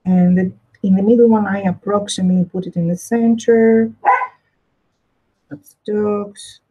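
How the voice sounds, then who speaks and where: A woman from Greece, speaking with a Greek accent, hosts a casual live craft demonstration, repeating and rephrasing herself as she explains and chats. Her medium-pitched voice is steady, mellow and measured with a breathy edge, and the recording is low quality.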